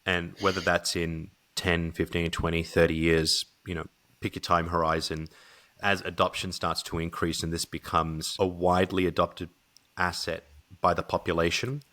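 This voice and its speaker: A man's voice: low voice, little pitch movement, moderate pace, pushed and bright. A man speaking as a podcast guest, talking things through thoughtfully with frequent hedges and restarts. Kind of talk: casual conversation.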